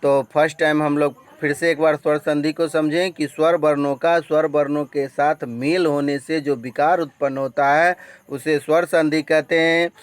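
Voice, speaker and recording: A man teaching a grammar lesson with a Bihari Hindi accent, slow and deliberate, drawing out each example and repeating his points. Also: a little high, flat delivery, smooth.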